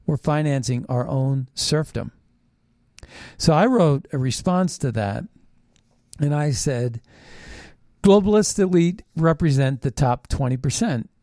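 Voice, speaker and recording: A man's voice: fairly high pitch, lively intonation, a little slow, mellow, no echo, studio quality. A man hosting a political talk show, delivering an emphatic, conspiratorial rant as a monologue and repeating phrases for stress. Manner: conspiratorial ranting. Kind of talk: political monologue, reading out own written posts with commentary.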